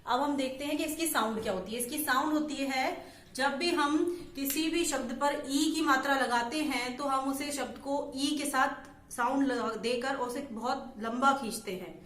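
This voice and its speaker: A woman teacher patiently explaining letter sounds to small children, stretching out syllables slowly and checking in often. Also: high-pitched, a bit bright. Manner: patient, slow, drawn-out syllables with frequent "theek hai". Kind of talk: Hindi phonics lesson for young children. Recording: echoey room, mic at a distance.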